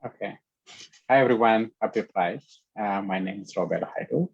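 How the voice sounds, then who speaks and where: A young man from Ethiopia, a guest on a video call panel, speaking earnestly and haltingly with frequent pauses. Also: fairly low pitch, vocal fry, husky, dry recording, muffled recording. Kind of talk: casual panel talk over video call.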